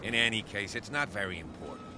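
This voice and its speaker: An actor playing a curt police officer who brushes people off, speaking in a brusque, dismissive way, heard as game audio. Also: male voice, on the low side, animated, fast, noisy background, lightly acted.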